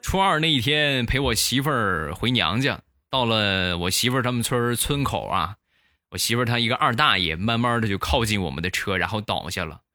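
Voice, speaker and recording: A man hosting a comedy show, telling funny stories in a lively way and acting out the voices, close to the mic. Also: lowish voice, brisk, faint music behind. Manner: lively, acts out every voice. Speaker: comedy host. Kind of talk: comic storytelling.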